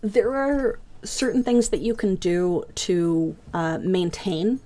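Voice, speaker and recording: A woman teaching a hobby craft class over voice chat, talking fast with frequent ums and uhs. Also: medium pitch, dark tone. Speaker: instructor. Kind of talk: online class lecture. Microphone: home computer mic on a voice chat.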